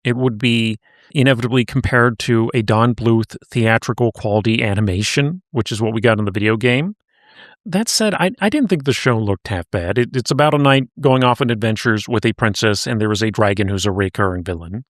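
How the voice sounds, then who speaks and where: A man co-hosts a podcast, recapping events and chatting casually in a conversational, storytelling style. His voice is medium-pitched and brisk, with studio-quality sound and no room noise.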